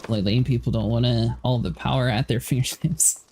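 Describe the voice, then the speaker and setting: A man's voice: medium pitch, fairly even intonation, a little fast, darkish tone. A man hosting a livestream, chatting casually about a game, laughing often and filling his talk with "like". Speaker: livestream host. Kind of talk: casual gaming chat.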